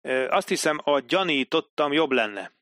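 A man's voice: fairly high pitch, lively intonation, fairly bright tone, no echo, studio quality, voice pushed up. A man voicing a humble, nervous middle-aged clerk in an audiobook, hesitant and deferential.

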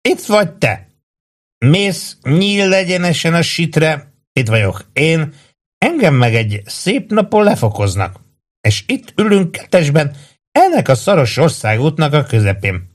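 A man reading aloud and voicing a drunk, blustering middle-aged army sergeant who talks loud and drawn out. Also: fairly high pitch, sing-song, pitched above the performer's own voice. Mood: ranting drunk.

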